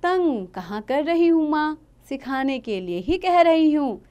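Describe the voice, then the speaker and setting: A woman's voice: high-pitched, very animated, a little slow, mellow, voice pushed up. A woman voicing an eager twelve-year-old village girl who pleads insistently. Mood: pleading.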